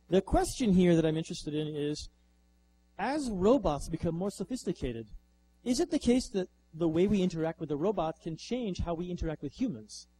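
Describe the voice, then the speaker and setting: A man gives a lively, conversational lecture and keeps putting questions to the audience. His voice sits a little high, with a dark, mellow tone. A faint hum runs underneath. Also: poor audio. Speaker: author giving a talk. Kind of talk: lecture with slides.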